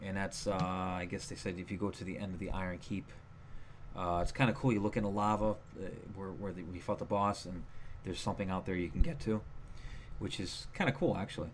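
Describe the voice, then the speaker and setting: A man's voice: low-pitched, steady tone, fairly quick, slight background noise. A man co-hosting a gaming podcast, chatting casually and rambling with lots of fillers and restarts. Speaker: podcast co-host. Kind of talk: casual chat.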